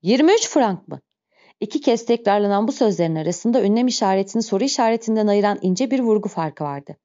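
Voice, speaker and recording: A woman narrates a classic novel in a steady, measured reading voice. Her tone is mellow and soft-edged. The recording sounds dull and lo-fi. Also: mid-range voice. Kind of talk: audiobook narration.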